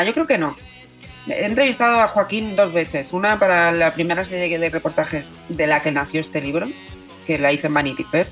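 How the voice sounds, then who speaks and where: Woman, podcast guest, somewhat low, hesitant and searching for words. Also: fairly bright tone. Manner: hesitant, many fillers and restarts. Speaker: guest journalist and author. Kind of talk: podcast interview.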